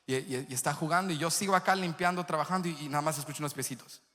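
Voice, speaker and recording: A man's voice: a little high, racing, bright, forceful tone, slight background noise. A male pastor preaching a sermon, passionate and telling vivid stories. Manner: impassioned preaching with vivid storytelling. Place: church sanctuary. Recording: echoey church hall.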